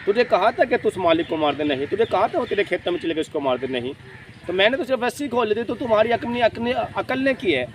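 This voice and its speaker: A man voicing a sly, scheming male devil who talks fast and plays innocent. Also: sits high, very animated, voice pushed up. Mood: mock-innocent. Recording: distant mic, faint outdoor noise.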